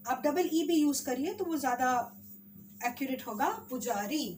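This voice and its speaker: A woman teacher with an Indian accent, slowly sounding out words for children in a spelling lesson. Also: sits high, expressive, darkish tone, recorded from a distance, a little hiss or hum. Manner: slow, drawn-out sounding of words.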